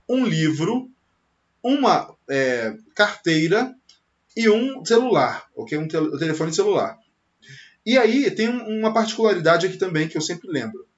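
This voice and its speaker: A Brazilian man teaching a beginner English lesson, talking conversationally and often checking in with "ok?". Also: sits high. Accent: Brazilian Portuguese. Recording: slightly dull lo-fi sound.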